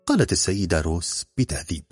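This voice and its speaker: Deep expressive male storyteller. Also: quick pace, no room sound, soft background music. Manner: expressive, varied delivery. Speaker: audiobook narrator. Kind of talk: scripted story narration.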